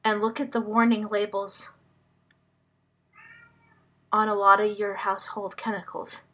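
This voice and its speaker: A Hungarian-speaking woman vlogger addresses the public in a slow, earnest monologue. Her medium-pitched voice is level and a bit bright, and she speaks haltingly and deliberately, with many pauses.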